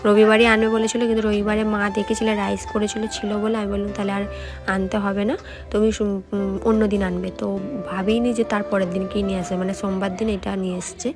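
Young woman, quick chatty voice-over with music behind. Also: mid-range voice, little pitch movement. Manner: chatty, talks viewers through the day. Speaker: vlogger. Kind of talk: vlog voice-over.

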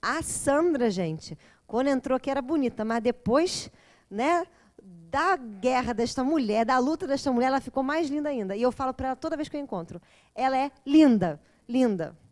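A woman with a Brazilian Portuguese accent giving a chatty, animated classroom lecture as teacher and therapist, often checking in with her listeners. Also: sits high, normal speed. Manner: animated, chatty, often adds "né?" and "gente", acts out dialogues. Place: classroom at a community center.

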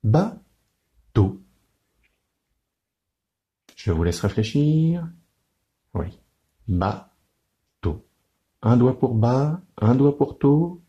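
A man giving a children's lesson on counting syllables, speaking slowly and clearly in a sing-song teacher's manner. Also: medium pitch, lively intonation, mellow, muffled recording.

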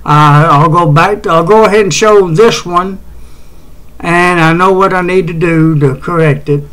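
Rambling West Tennessee man, fairly high voice. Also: a bit bright, poor audio. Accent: West Tennessee Southern. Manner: rambling, halting, many uh fillers and restarts, chuckles often. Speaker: amateur weather show host. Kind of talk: casual home weather broadcast.

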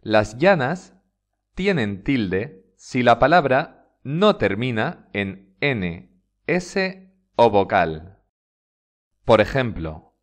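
A man with a Spanish accent from Spain, giving a scripted grammar lesson and stressing each example word. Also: mid-range voice. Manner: slow, deliberate, stresses example words. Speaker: Spanish teacher. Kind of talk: scripted instructional narration.

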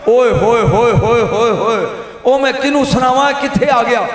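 A man with a Punjabi accent preaching an emotional sermon, moving from hushed storytelling to high wailing shouts and calling out to his listeners. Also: moderate pace. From Pakistani Punjab. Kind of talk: impassioned religious sermon. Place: large gathering before a crowd. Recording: booming echo of a big hall.

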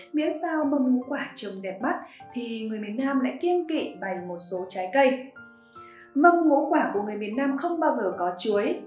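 Higher-voiced woman narrating, roomy echo. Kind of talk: scripted narration. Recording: roomy echo with faint music.

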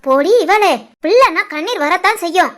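A woman voicing a sharp-tongued old grandmother over sixty who scolds dismissively, with a Tirunelveli Tamil accent. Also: extremely high pitch, expressive, fairly quick. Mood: scolding.

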